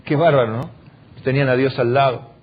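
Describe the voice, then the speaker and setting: Husky Argentine pastor preaching animatedly. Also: male voice, mid-range voice, a little fast, muffled recording. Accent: Argentine Spanish. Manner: animated preaching, acting out quoted lines, rhetorical questions. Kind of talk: sermon. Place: church hall.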